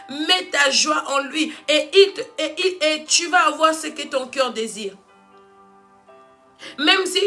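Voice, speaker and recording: A woman preacher delivering a fervent sermon, repeating phrases and rising to emphatic shouts. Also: high-pitched.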